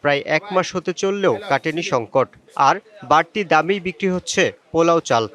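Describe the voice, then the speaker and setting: A man reads a scripted news report. His voice sits a little high, and he keeps the delivery measured and formal throughout. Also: a bit bright. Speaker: field reporter.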